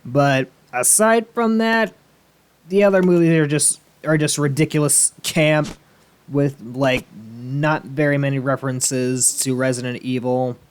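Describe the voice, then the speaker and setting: Smooth and unhurried, this mid-range voice belongs to a video game host whose sex is unclear. Their let's-play commentary is relaxed, jokey and sarcastic, heavy on swearing.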